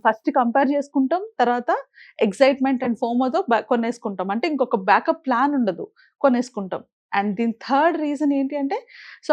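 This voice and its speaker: A woman's voice: high voice, darkish tone, highs cut off. A woman financial advisor earnestly explaining investing mistakes and putting pointed questions to the viewer.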